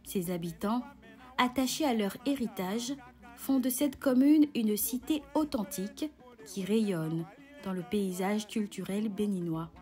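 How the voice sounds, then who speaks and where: A woman reading a scripted television report voice-over in a measured, polished way. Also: mid-range voice, dark tone. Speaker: voice-over narrator. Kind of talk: scripted narration. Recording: music bed under voice.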